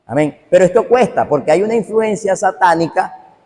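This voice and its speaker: A male pastor delivers a fervent sermon, repeating his key phrases and turning to his hearers by name. His voice sits slightly high for a man. The recording trails off in a long, echoing hall reverb. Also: expressive, a little fast, dark tone. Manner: emphatic and repetitive, addressing listeners directly. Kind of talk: preached sermon.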